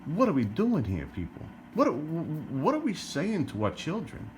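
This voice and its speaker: A man's voice: a little high, wildly swooping pitch, a little slow, a little hiss or hum. A middle-aged man from New Jersey ranting to camera, exasperated, firing rhetorical questions and repeating himself. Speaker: vlogger.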